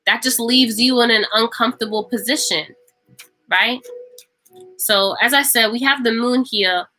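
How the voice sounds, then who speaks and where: A woman's voice: a little high, moderate pace, bright, forceful tone, poor audio. A woman giving a casual tarot reading to camera. She talks emphatically and repeats phrases for stress. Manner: acts out imagined speech. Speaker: tarot reader.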